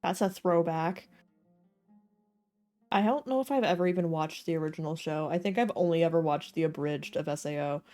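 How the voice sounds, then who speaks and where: A woman livestreams a game over background game music, offering casual, slangy, self-deprecating commentary and jokes. Her voice sits low with a dark tone, and she talks fairly quickly.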